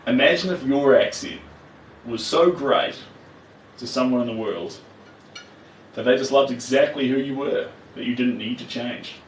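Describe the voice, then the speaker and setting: A livestream host with a broad New Zealand accent chats casually with viewers while he works, answering their comments in an encouraging, reassuring way. His voice is mid-range and moderately paced, and he pauses often. The mic sounds distant and roomy, with faint noise.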